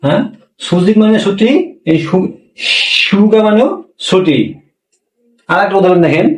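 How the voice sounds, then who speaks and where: A high-voiced man teaches a pronunciation lesson step by step, putting questions to his class and answering them himself. He repeats every point. His voice sounds a little distant from the mic in a roomy, echoing space. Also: a little slow, darkish tone. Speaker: language teacher.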